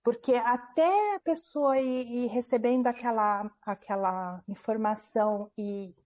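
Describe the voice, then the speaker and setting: Woman telling a story in a warm, mellow voice. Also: on the high side, measured pace. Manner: animated retelling, acting out quoted dialogue, frequent tag questions. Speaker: author and interview guest. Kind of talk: personal storytelling in an interview. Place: at home.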